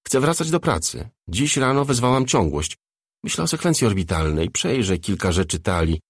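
A man reading the part of a young woman, a worn-out star back from addiction, with a tired, blunt, quietly defiant manner. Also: on the low side, big pitch swings, moderate pace, slightly rough, no echo, studio quality. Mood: determined.

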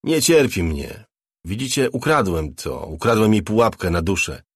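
A man voicing a brash, talkative young ex-hacker in an audiobook, a little louder and brighter than his narration. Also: fairly low pitch, sing-song, moderate pace, husky, dry recording, clean studio sound. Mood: boastful chatter. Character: cocky young male ex-hacker, chatty and sly.

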